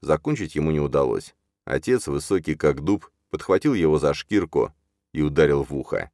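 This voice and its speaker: A man narrating a dark fantasy audiobook in a measured, hushed storytelling manner. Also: very deep voice, animated, no echo, studio quality.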